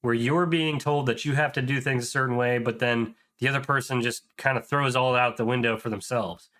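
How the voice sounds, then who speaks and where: A man's voice: medium pitch, fairly even intonation, a little fast, fairly bright tone. Hesitant, thinking-aloud male reaction host. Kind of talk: casual commentary.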